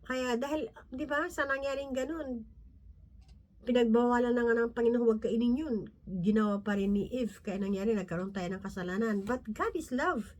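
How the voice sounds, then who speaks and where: Woman preaching casually with constant tag questions. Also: on the high side. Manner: conversational, frequent tag questions, restarts and soft laughs; reads scripture slowly from her notes. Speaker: lay preacher. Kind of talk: informal Bible talk.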